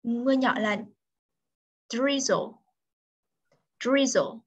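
A woman's voice: a little high, very slow. A woman tutoring English over a video call, patiently correcting pronunciation word by word. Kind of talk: online English lesson, mixing Vietnamese and English. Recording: dull lo-fi video call audio.

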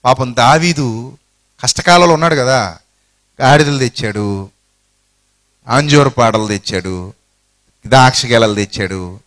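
A male pastor preaching a sermon, telling the story in an animated way and asking the crowd rhetorical questions. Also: medium pitch, measured pace, long pauses.

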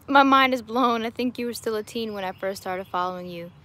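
A woman's voice: fairly high pitch, brisk, sharp tone. Upbeat young woman chatting in a garden. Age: 20s. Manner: upbeat, chatty, laughs often. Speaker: YouTuber answering live chat. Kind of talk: casual livestream chat. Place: outdoors in a home garden. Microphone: webcam or phone at arm's length.

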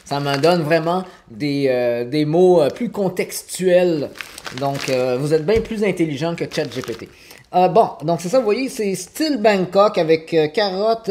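A man's voice: a little high, darkish tone, a little hiss or hum. A man in his forties from Quebec with a Québécois accent, chatting casually through a live cooking stream in his home kitchen, with many fillers, and answering viewers by name. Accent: Québécois French. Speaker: cooking livestreamer. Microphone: fixed camera on counter.

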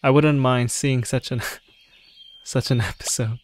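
A man's voice: mid-range voice, steady tone, measured pace. A young man doing casual let's play commentary, reading game dialogue aloud. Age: young adult. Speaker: gaming streamer. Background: game music.

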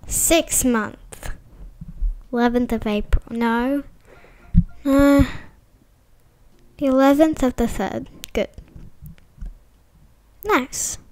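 High, slow-talking excitable woman. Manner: excitable and chatty, many fillers. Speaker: gaming vlogger. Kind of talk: casual gameplay commentary.

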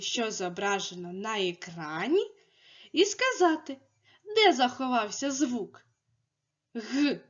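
A woman leads a children's speech lesson in a slightly high, very lively voice. She talks very slowly and spells out every sound with care as she coaxes the little ones along. The recording sounds dull and lo-fi. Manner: slow, clearly enunciated, coaxing. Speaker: preschool speech teacher.

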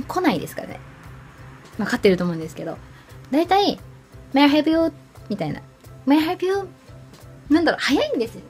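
A Japanese woman hosting a casual spoken lesson, chatty and lively, mimicking English phrases as she explains. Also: mid-range voice. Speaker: English study channel host.

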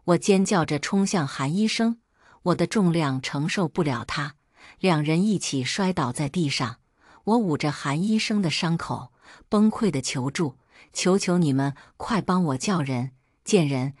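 A woman narrating a first-person audiobook story with dramatic storytelling flair. Her voice sits on the low side, and the recording is dry with no room echo.

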